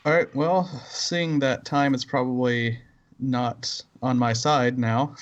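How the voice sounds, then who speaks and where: A man's voice: medium pitch, fairly even intonation, slow pace. A man playing a tabletop game, unsure and laughing often. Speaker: player. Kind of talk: casual tabletop play. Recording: dull lo-fi mic.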